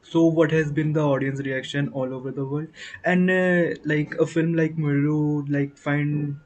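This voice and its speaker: A man's voice: a little high, flat delivery, a little slow. A male interviewer asking questions with many fillers and hesitations. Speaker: interviewer, host.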